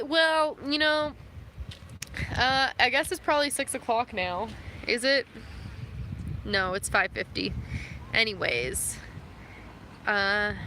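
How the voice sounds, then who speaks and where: A woman's voice: fairly high pitch, bright, forceful tone. A young woman live-streaming from her phone outdoors, chatting casually and reading out comments, with plenty of fillers. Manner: chatty, filler-heavy, reads chat comments aloud. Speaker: livestreamer. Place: outdoors near passing vehicles. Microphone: phone held close. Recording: phone recording with outdoor noise.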